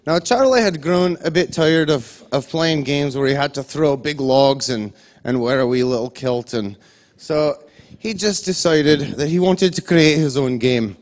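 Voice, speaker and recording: In a comedy sketch, a man plays a boastful old Scottish golf legend, spinning a rambling comic tale in a Scottish accent with rising, excitable ranting. His voice is a little high, a little slow, and close to everyday speech.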